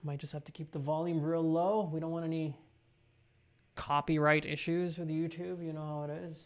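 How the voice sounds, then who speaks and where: A young man hosting a live football watch-along, calling the play with excitable reactions and chatting to his viewers. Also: fairly high pitch, moderate pace. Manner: excitable, talks to live chat between play calls. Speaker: live football stream host. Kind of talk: live match reaction commentary.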